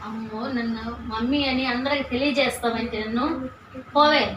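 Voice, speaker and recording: A woman's voice: fairly high pitch, steady tone, moderate pace, background noise, lightly acted. An actress playing a vain grown daughter who is scornful and whiny toward her mother. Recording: echoey room, distant mic, loud music.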